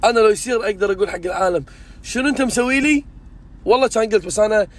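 Talking with a friend inside a car, a man who hosts a vlog speaks earnestly and insistently, swearing that he means what he says. He talks rapid-fire in a high voice in this casual chat.

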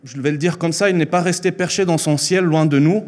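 A man in his thirties, a native Spanish speaker from Mexico, gives an earnest sermon through a handheld mic in a church hall. His voice is a little high and darkish in tone, with fairly even intonation. He repeats phrases for emphasis and slows down on key lines.

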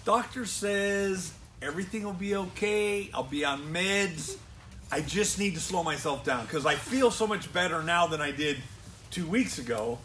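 A man's voice: high-pitched, measured pace, pushed and bright, slight background noise. A man co-hosting a casual live chat, telling stories about himself with self-mocking jokes. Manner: joking, self-mocking storyteller. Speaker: co-host.

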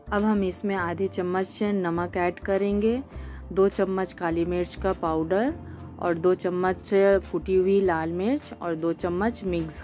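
Woman, cooking-channel host; low, warm voice-over, calm and instructional, faint music behind. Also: lo-fi sound. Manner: calm step-by-step instruction with hesitations.

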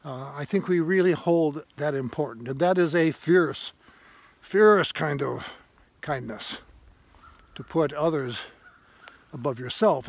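A retired parish priest and vlogger, somewhat high-voiced with vocal fry, delivers an informal, preacherly reflection while walking a grassy woodland trail. His phrasing is halting and thoughtful, punctuated by emphatic repeats. The dry recording comes from a phone he holds at arm's length.

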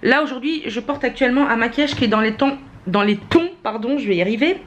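A woman's voice: a little high, expressive, fast, lo-fi sound. Chatty young woman vlogging. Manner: chatty, many fillers, laughs at herself. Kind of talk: casual vlog chat to camera. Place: at home, indoors. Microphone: camera mic, handheld and held by partner.

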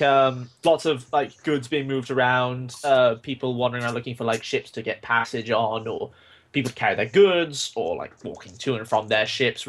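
A man's voice: medium pitch, a bit bright. Young guy gm rambling through the scene, lots of um and like. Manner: loose and rambling, many fillers. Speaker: game master. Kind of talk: narrating a tabletop game.

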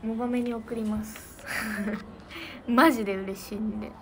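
Casting: teen girl idol hosting a stream, fairly high voice, chatty, reads viewer comments aloud, audible noise on the line. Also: fairly even intonation, a little slow. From Niigata, Japan. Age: teens. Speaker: idol livestream host. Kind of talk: casual livestream chat. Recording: noisy livestream audio.

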